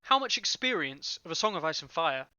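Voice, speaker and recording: A man's voice: on the high side, very animated, fairly quick, sharp tone, clear, resonant tone, dry recording. A man hosting a gaming interview show, upbeat and announcer-like, reading scripted questions. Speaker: podcast host. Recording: muffled lo-fi mic.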